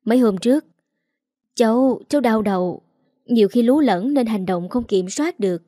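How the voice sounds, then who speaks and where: A woman's voice: on the high side, moderate pace, dark tone, dry recording, clean studio sound, close to an everyday voice. A woman voicing a young female model who pleads, stammers and sobs. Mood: pleading tearful.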